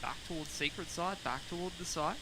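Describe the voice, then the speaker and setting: A man's voice: on the high side, a little fast. A man giving casual, chatty analysis during a video game match. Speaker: esports commentator. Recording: clear game noise behind.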